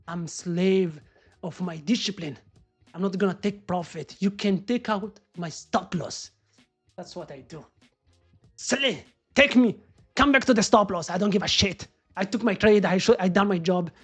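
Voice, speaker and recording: A man doing live trading commentary on a stream, excitable and swearing as he talks to the market. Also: high-pitched. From Morocco. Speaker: day trader live-streaming.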